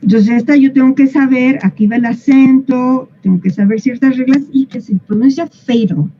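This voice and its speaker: A woman's voice: sits high, moderate pace, lo-fi sound. A woman, explaining English pronunciation to a class in a patient, playful way and asking them questions. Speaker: English teacher.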